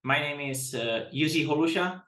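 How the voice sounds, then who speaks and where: A man's voice: fairly high pitch, moderate pace, pushed and bright, echoey room. A man from the Czech Republic giving a webinar presentation as a product director, chatty and self-deprecating, often restarting his sentences.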